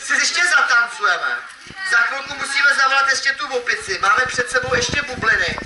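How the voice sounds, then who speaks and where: A man's voice: very high voice, expressive. A man performing as a children's magician at a live event, playfully teasing the kids and calling out to the crowd. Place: event hall with audience. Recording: echoey, distant mic, noisy ambience.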